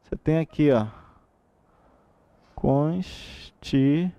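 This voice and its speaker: An unhurried male teacher with a fairly high voice and a Brazilian Portuguese accent runs a lively exam-prep grammar lecture. He asks rhetorical questions and checks in with the class often, saying "tá?". The recording is dry and muffled.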